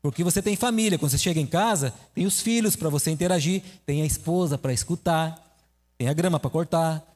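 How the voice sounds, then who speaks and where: A man's voice: on the high side, fast, a little mellow. A man preaching a sermon in a church, telling a story and asking his listeners questions. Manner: conversational, asks the audience questions. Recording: echoey hall reverb.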